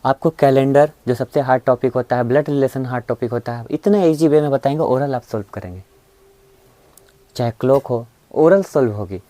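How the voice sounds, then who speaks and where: In a classroom with students present and an online stream running, a man teaches reasoning, coaxing his class along and checking in often with "है ना" and "ठीक है". His mid-range voice is brisk and dark-toned, recorded with no room sound.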